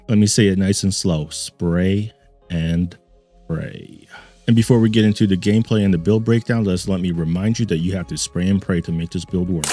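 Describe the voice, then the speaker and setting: A man's voice: sits low, warm tone. A man hosting a gaming channel, giving playful gameplay commentary and repeating his catchphrases, recorded at a desk mic in a home gaming setup.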